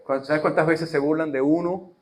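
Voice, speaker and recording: Male pastor, sermon, emphatic, repetitive, loud then soft, slightly high voice. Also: steady tone, moderate pace.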